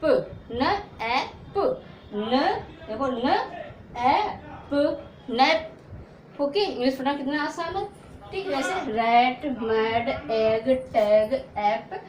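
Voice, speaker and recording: Slow and lively in intonation, a high-voiced English teacher and channel host leaves long pauses as she leads a Hindi phonics lesson at a whiteboard. She asks questions, answers them herself, and sounds out letters individually. The low-quality recording is reverberant.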